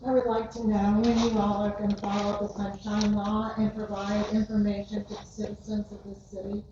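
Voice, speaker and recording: A woman resident makes a pointed complaint at public comment, her voice flat and even. She is picked up from a distance in a very echoey room. The recording is muffled and noisy. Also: mid-range voice, fairly quick.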